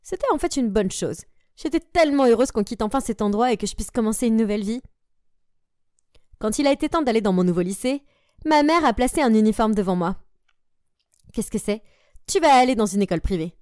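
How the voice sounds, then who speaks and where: A young woman narrating a story aloud in an animated, expressive way. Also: fairly high pitch, fairly quick, no echo, clean studio sound.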